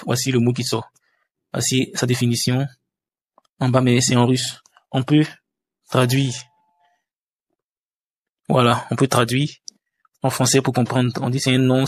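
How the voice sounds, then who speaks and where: A man's voice: medium pitch, little pitch movement, normal speed, pauses often, no echo. A man teaching a language lesson over a screen-share tutorial, hesitant, with many fillers and restarts.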